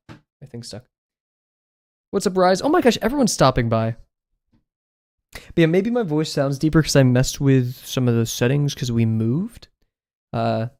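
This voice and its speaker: A young man with a medium-pitched, slightly mellow voice talks casually during a drawing live stream, rambling, laughing often and joking about himself. He's in an apartment room fitted with acoustic foam.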